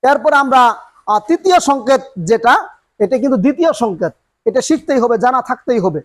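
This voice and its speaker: A male teacher runs a classroom lesson, his voice pitched very high. He drills each rule over and over, putting a question to the class and then answering it himself. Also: animated, brisk. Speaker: Quran reading teacher. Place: classroom with a board and students.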